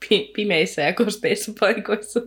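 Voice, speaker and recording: A woman co-hosting a podcast in a relaxed, chatty way, speaking. She retells the plot in loose, rambling sentences full of fillers and now and then reads a passage aloud from the book. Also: mid-range voice, husky. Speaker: podcast co-host. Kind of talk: casual book discussion with read-aloud passages.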